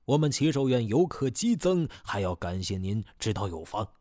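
A man doing a gushing flatterer. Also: fairly low pitch, normal speed, dry recording, clean studio sound. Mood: flattering. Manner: effusive, flattering.

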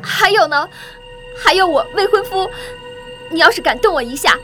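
A woman voicing a frightened but haughty young female captive, with shrill pleading and boastful threats, over background music. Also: expressive, normal speed, pushed and bright, full character voice. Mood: defiant.

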